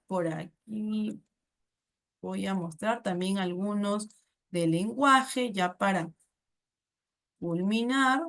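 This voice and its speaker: A woman with a Peruvian Spanish accent explains exam answers as a teacher, patiently, with frequent tag questions and self-corrections. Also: mid-range voice.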